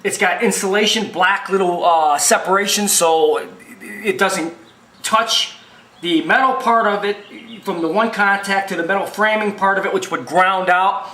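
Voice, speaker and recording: A video machine repair technician and presenter with a notably high, sharp-edged voice walks through a repair in an informal tutorial at normal speed. Folksy and emphatic, he rambles and circles back over his points, and the sound is roomy and echoey.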